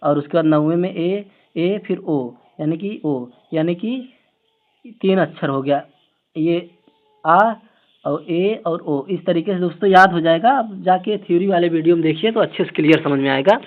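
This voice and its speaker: A man's voice: high-pitched, normal speed. Man teaching Hindi on tinny audio. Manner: explains memory tricks, repeats "दोस्तों" and rhetorical questions; talks aloud while writing on the screen. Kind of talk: online exam-prep lesson.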